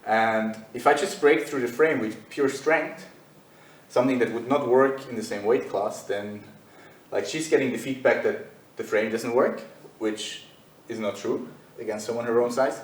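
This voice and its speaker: Man, low voice, jiu-jitsu coach, casual demo talk, echoey gym, a bit off-mic. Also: far from the mic, slight background noise. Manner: loose and conversational, many fillers.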